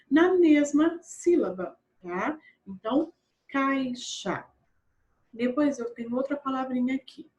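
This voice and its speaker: Woman, primary teacher, slightly high voice, patient, repeats words slowly, checks in with kids. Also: a little mellow. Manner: checks in with pupils often. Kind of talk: recorded online grammar lesson.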